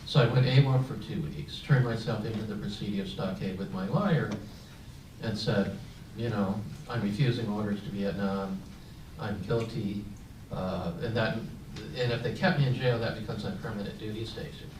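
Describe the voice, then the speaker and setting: Speaking at a normal speed in a lowish voice, this older veteran from San Francisco shares his personal story on a panel discussion. He's reflective, often using fillers and starting over. The audio is echoey, from a distant microphone that catches room noise.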